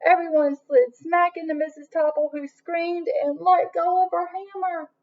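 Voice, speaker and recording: A woman reading a children's picture book aloud expressively, pausing to put questions and asides to her young listeners. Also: extremely high pitch, flat delivery, phone-quality sound. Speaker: read-aloud storyteller.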